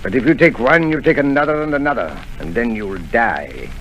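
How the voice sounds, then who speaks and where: A man playing a brisk, stern doctor who scolds with authority at an even middle pitch. The old radio broadcast has faint music. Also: muffled recording, lightly acted. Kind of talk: 1930s radio drama acting.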